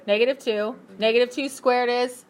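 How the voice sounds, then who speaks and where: A woman teaching a math class, brisk and upbeat, asking her students questions as she works through problems. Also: a little high, fairly even intonation. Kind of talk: classroom lesson.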